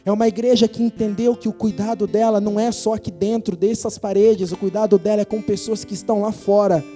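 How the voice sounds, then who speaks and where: Brazilian male preacher, higher voice, mellow tone, earnest, rising to forceful stress, soft guitar behind. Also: steady tone, fairly quick. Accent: Brazilian Portuguese. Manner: earnest, builds to forceful emphasis, acts out quoted voices. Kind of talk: sermon. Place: church hall.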